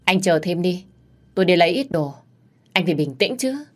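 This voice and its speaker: A woman narrating a story gives voice to a brisk hospital nurse, firm and curt. Her tone stays low and warm, with faint music under the storybook reading. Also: animated.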